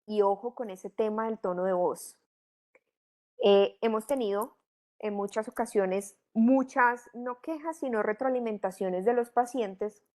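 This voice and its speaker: A woman's voice: medium pitch, a little mellow. A middle-aged woman, teaching a training course in a didactic way, asking many rhetorical questions. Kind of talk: online training lecture.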